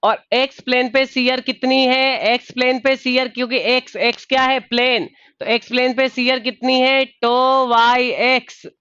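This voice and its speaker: Male online tutor, high voice, flat even delivery, calls students by name, says dear, repeats questions, dry close sound, slightly dull lo-fi audio. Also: moderate pace, few pauses, clear, resonant tone, dry recording. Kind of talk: live online engineering lecture.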